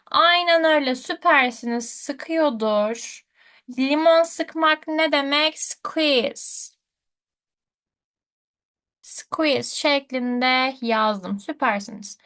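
A woman's voice: high voice, drawn-out words, fairly bright tone. A woman teaching a live online English lesson, patiently checking answers with her students.

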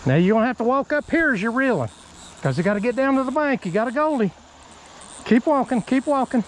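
A man's voice: very high voice, animated, fast talker, a little hiss or hum, low-quality recording. A middle-aged man hosting a fishing vlog outdoors by a creek, coaching a child with short, repeated instructions. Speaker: fishing bait company host. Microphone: body-worn action camera. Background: running stream water.

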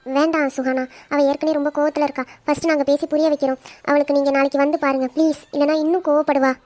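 A woman voicing a worried, tearful mother in an animated story, pleading in a high voice. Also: fast talker, natural voice.

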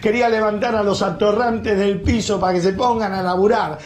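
A man's voice: sits high, fairly even intonation, brisk, roomy sound. A man with an Argentine accent delivering an angry, sarcastic editorial monologue as host, full of insults. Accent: Argentine Rioplatense Spanish. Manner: indignant, sarcastic, ranting with insults. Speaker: radio and TV host.

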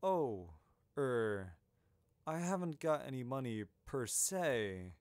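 A man's voice: medium pitch, very animated, slow pace, a little mellow, dry recording, studio quality. A man voicing a cagey young male adventurer who talks politely and offhandedly.

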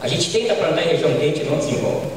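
A middle-aged Brazilian man giving an informal conference lecture on a handheld microphone, often ending points with quick tag questions. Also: fairly high pitch, animated. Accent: Brazilian Portuguese. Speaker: agronomist lecturer. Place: large conference hall. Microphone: handheld mic, filmed from far. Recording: echoey hall from far off.

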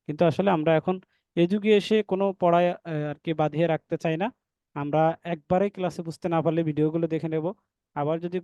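A man teaching a Quran recitation class, explaining step by step and slowly sounding out letters, and addressing listeners as dear brothers. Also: on the high side, dark tone, no echo. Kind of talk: online class lesson.

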